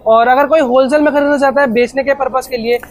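A man's voice: very high voice, fairly even intonation, rough recording. A man hosting a market vlog, eagerly questioning a factory worker on a casual tour of a pillow factory floor. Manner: quick, eager questioning with many "hmm" and "okay ji" fillers. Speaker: market vlogger.

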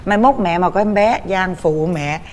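A woman's voice: on the low side, normal speed. A woman with a Southern Vietnamese accent hosting a TV couples show in a studio, giving advice in a motherly, coaxing way. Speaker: talk show host. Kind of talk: warm advice and coaxing talk.

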